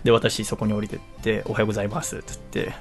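Guy hosting radio, rambling story quick and bouncy, laughs a lot, bit of music under it. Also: lowish voice. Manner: animated, laughs often while telling, acts out quoted lines. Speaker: radio show host. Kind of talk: casual storytelling monologue.

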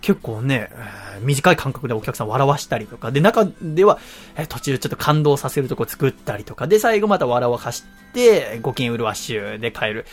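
A man's voice: medium pitch, very animated, a little fast, few pauses, faint music behind. A man in his twenties hosting a casual radio show, rambling through stories and laughing often. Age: 20s.

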